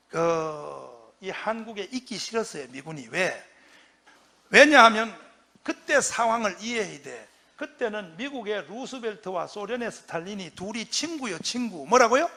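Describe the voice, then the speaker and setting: A man's voice: very high-pitched, bright, forceful tone. A pastor giving an impassioned storytelling lecture, acting out quotes and firing rhetorical questions at his audience.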